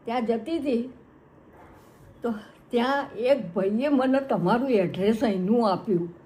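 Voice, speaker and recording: A woman's voice: fairly high pitch, a little slow, mellow, slight background noise. An older woman, crying and pleading, who tells her troubles while seeking a place in an old-age home. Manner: pleading, distressed.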